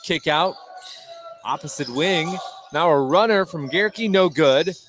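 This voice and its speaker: This is live radio sports commentary: a man with a fairly high voice calls a basketball game play-by-play in short, clipped phrases, speaking slowly. The noisy gym comes through clearly, with bouncing basketballs, gymnasium ambience and music in the background.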